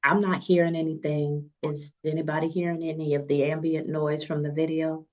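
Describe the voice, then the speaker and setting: A woman's voice: sits low, flat delivery, normal speed. A woman presiding as judge, speaking in brief courtroom remarks. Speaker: judge presiding over a hearing. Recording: dull, lo-fi courtroom audio.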